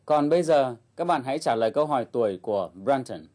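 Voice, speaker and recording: A man hosting a language lesson, calmly explaining and prompting learners to repeat. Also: mid-range voice, quick pace. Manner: calm explanatory guiding tone. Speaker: English teacher host. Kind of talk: instructional narration.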